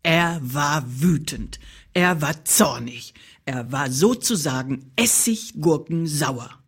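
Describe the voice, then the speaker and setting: A woman narrating a children's story in an expressive, playful way. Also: sits low, husky. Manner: slow, playful, with dramatic pauses. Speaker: audiobook narrator.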